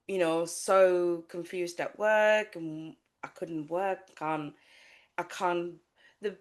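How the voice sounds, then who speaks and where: In a podcast interview, a life coach from Sri Lanka, an adult woman with a child, talks candidly about her personal story in a lowish voice. She restarts often and leans on many fillers.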